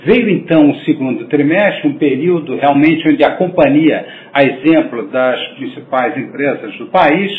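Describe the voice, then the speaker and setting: A Brazilian man gives a formal corporate presentation as a company president. His voice is mid-pitched and measured, with halting phrasing. It comes over a thin phone line with strong echo. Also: animated. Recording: noisy, echoey phone-line audio.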